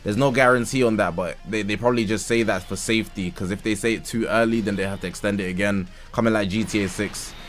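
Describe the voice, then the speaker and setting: A man's voice: fairly low pitch, steady tone, fast talker, few pauses, faint music behind. A man live-streaming, talking casually, reading game update notes aloud and reacting, a little tired. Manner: chatty, reads patch notes aloud and reacts. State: tired, yawning. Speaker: livestreamer.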